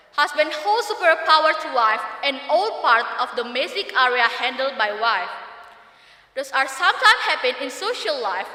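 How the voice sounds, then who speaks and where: Indonesian woman doing a stiff memorized speech, bright high voice, emphatic rehearsed phrases. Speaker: speech contest participant. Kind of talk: formal memorized contest speech. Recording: echoey hall with long reverb.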